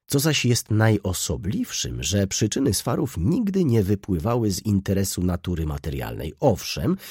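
Low, husky-voiced male storyteller. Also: no echo, clean studio sound. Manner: expressive storytelling. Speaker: audiobook narrator. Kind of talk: literary audiobook reading.

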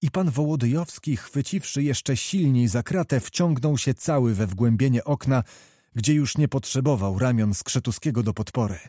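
A man reading a historical novel aloud in a measured, even way. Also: mid-range voice, no room sound, studio quality. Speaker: audiobook narrator. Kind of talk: scripted narration of a historical novel.

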